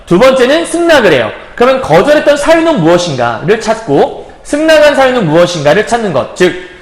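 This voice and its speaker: Male teacher, bright high voice with wide swings, in an echoey room. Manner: acts out characters' lines in a lively voice; explains in plain casual terms, chuckles often. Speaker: Korean literature teacher. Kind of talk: recorded lecture on a classic novel. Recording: roomy echo.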